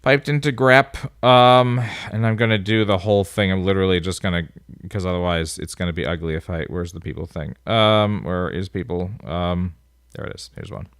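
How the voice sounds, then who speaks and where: A nasal-voiced instructor narrates a coding tutorial over his screen recording, casually thinking aloud as he enters commands. He has a deep, fairly bright and clean voice with fairly even intonation at normal speed, recorded studio-clean with no room sound.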